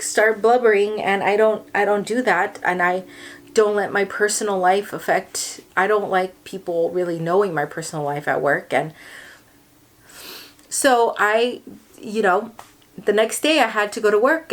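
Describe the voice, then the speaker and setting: A young woman with a Californian accent talks straight to the camera, her voice sitting a little low. She tells a personal story in an emotional, rambling way. She breaks off and restarts often and leans on fillers. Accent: Californian English. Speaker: vlogger.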